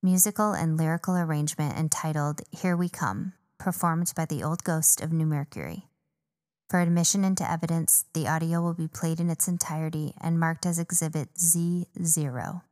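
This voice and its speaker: A woman's voice: deep voice, moderate pace, darkish tone, natural voice. A woman narrating as a formal archivist logging recordings as evidence, in a procedural, scripted delivery.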